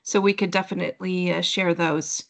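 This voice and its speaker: A woman's voice: fairly low pitch, fairly even intonation, moderate pace, gravelly. A woman from Norway speaking informally as an organizer in an online meeting. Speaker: webinar organizer. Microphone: video call.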